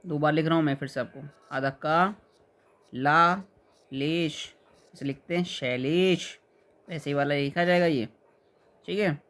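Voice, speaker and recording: Man teaching spelling, fairly high voice. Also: steady tone. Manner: explains patiently, repeats words slowly and checks understanding. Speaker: exam prep teacher. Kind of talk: spelling lesson for exam students.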